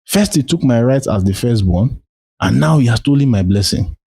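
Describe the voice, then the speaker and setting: A man voicing a desperate, wronged young man who pleads in a high, strained cry. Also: sing-song, a little slow, warm tone, breathy edge, no room sound, exaggerated voice. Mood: bitter.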